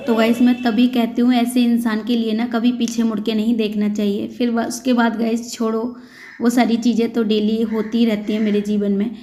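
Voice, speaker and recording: A woman in her thirties vlogs in an earnest, plain-spoken way. Her voice sits a little high, but her intonation stays flat and even. She speaks directly to her viewers. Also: normal speed. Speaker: vlogger. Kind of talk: casual vlog talk to viewers.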